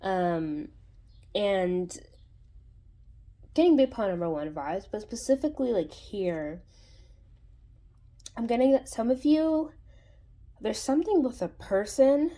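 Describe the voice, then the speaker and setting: A woman's voice: medium pitch, very animated, slow, long pauses, dark tone. A woman hosting her own channel, giving a casual spoken tarot reading in a rambling way, full of fillers and restarts. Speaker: tarot reader and channel host.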